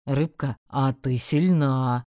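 A woman puts on a self-satisfied male magister for an audiobook. He sounds very deep and mocks everyone with easy confidence. The sound is close and dry. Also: takes it slowly, dry recording. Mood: teasing. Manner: teasing, confident, sharp. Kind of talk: audiobook character voicing.

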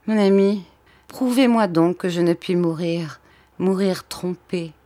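A woman voicing a dying noblewoman in an audiobook, feverish and childlike, pleading in a breathless, high voice. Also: a little slow, mellow, dry recording, close to an everyday voice. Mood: tender pleading. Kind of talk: audiobook character voice.

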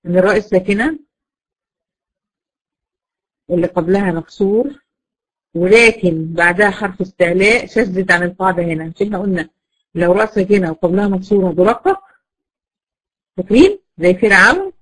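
A woman's voice: medium pitch, expressive, fast talker, poor audio. A woman with an Egyptian accent teaching Quran recitation rules in an online class, explaining step by step and often checking that her students follow. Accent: Egyptian Arabic.

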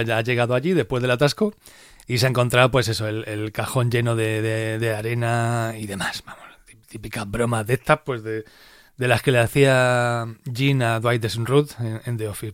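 A man from Spain hosting a podcast, chatting casually and retelling a film in an animated way. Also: mid-range voice, no echo, studio quality. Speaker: podcast host.

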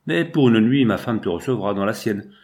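A man's voice: on the low side, expressive, fairly quick. A man reading the part of a kind, protective innkeeper who speaks in a reassuring way. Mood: kindly. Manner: reassuring, warm-hearted. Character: kindly male innkeeper, protective and generous.

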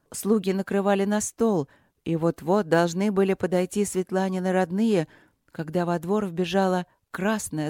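A woman giving steady, scripted narration of an audiobook. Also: fairly low pitch, dry recording, clean studio sound.

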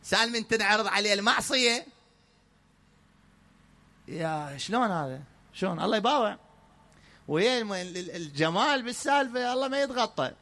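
A man with an Iraqi accent giving a religious lecture, firing rhetorical questions and reciting prayers slowly. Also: high-pitched, animated, pushed and bright. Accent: Iraqi Arabic.

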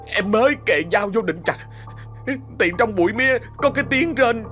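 A man's voice: high-pitched, lively intonation, moderate pace, sharp tone, soft background music, voice pushed up. A man voicing a terrified young farm worker pleading frantically. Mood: frantic.

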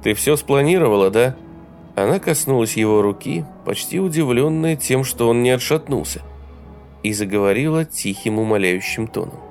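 A man giving a steady, even reading of an audiobook as its narrator. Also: medium pitch, normal speed, gravelly, faint music behind.

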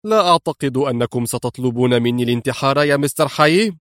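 A man's voice: mid-range voice, expressive, fast, no room sound, studio quality, lightly acted. A man reading an audiobook and voicing a cool, sarcastic adult male hero.

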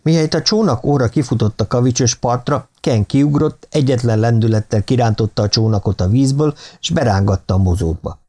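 Male audiobook narrator, mid-pitched, steady and even reading of a thriller. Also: hardly any pauses. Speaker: audiobook reader.

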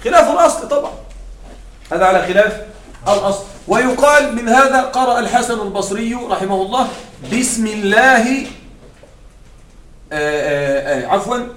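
A man's voice: very high voice, lively intonation, brisk, pauses often, a bit bright, a little hiss or hum. A man teaching Arabic grammar to a class. He explains step by step and keeps asking the students whether they follow. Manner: explains step by step, often asks the class to confirm. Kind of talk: classroom lecture. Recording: echoey room, far from the mic.

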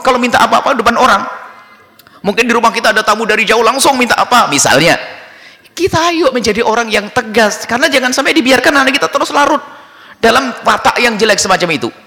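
Lively bright-voiced male preacher. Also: high-pitched, big-room sound. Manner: addresses the congregation directly. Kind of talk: sermon to parents.

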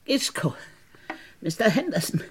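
An actress in a radio crime drama gives a full, sing-song character voice to a bitter, wronged woman once convicted of murdering her sister. Her husky, low voice is deliberate and halting, insinuating and resentful, and it sometimes drops into whispers.

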